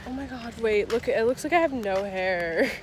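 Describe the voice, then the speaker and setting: A woman's voice: fairly high pitch, normal speed, slight background noise. A woman filming a casual vlog on a phone, chatty and full of "like", talking from a car and then a beach walk. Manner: chatty, lots of "like". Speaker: vlogger.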